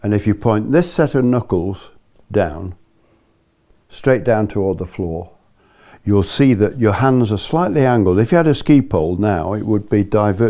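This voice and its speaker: A man's voice: lowish voice, mellow. An older man giving a hands-on lesson to a small group as a ski instructor, explaining patiently and methodically and repeating key points. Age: older, about 70s. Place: living room, indoors.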